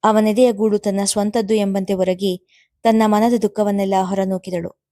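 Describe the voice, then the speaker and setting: A woman narrating a serial story in a steady, unhurried reading voice. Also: mid-range voice, no echo, clean studio sound.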